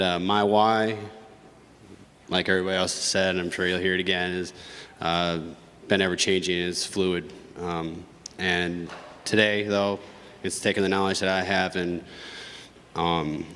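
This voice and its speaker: A man from Minnesota, a veteran, introducing himself in a halting way with fillers between phrases. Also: sits low, little pitch movement, fairly bright tone, slight background noise. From Minnesota, USA. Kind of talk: spoken self-introduction. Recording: long reverb in a large room.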